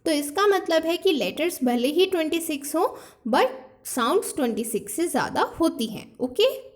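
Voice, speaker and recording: A high-pitched young woman gives a classroom lesson. She explains step by step, mixing two languages, and keeps returning to her main points. She slows down to spell out each example word. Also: expressive. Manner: Hindi-English mixed explanation, repeats points, reads out example words slowly. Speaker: teacher.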